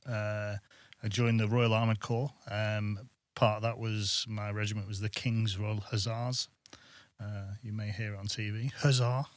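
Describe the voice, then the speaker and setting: Interview guest, middle-aged Manchester man, low and flat, hesitant. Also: a little slow, no room sound. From England. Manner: plain, hesitant, with fillers. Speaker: army veteran guest. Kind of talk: casual interview answers.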